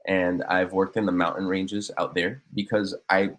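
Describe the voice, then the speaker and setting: A Cuban-born, Miami-raised business owner in his thirties speaks as a guest in a relaxed podcast interview. His voice is low and a bit bright, moves little in pitch, and keeps a normal speed, and he talks earnestly with frequent fillers and restarts.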